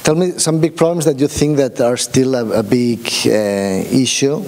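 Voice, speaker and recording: A hesitant man with a warm, medium-pitched voice leads an informal workshop talk in a conference room. He halts frequently, restarts and uses fillers, and turns questions to the room. The recording is marked by long hall reverb and faint hiss.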